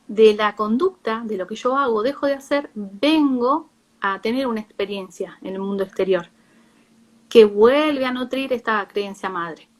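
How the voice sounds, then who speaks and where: A psychologist with an Argentine accent, appearing as a guest speaker in a live talk, explains things informally in a slightly high voice. She speaks haltingly, often rephrasing herself as she goes.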